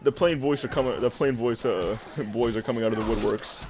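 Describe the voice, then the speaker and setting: A man's voice: mid-range voice, fairly quick, background noise. A man hosting a stream, playing a game while chatting and laughing, often reading viewer messages aloud. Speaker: streamer host. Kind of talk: casual stream chat while gaming.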